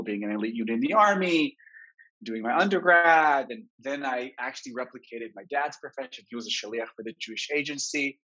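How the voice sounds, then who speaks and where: A man in his forties from Israel, a therapist giving a webinar talk, telling his own story in a candid, reflective way, heard through low quality webinar stream audio. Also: bright, forceful tone. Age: 40s. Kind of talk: personal storytelling lecture. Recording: dull lo-fi webinar recording.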